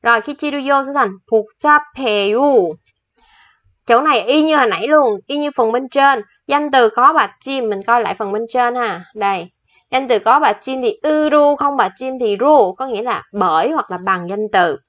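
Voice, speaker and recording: A woman's voice: on the high side, fairly bright tone. Patient teacher woman, muffled audio. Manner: patient, slows down to spell out rules. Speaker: Korean language teacher. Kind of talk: explaining vocabulary lesson.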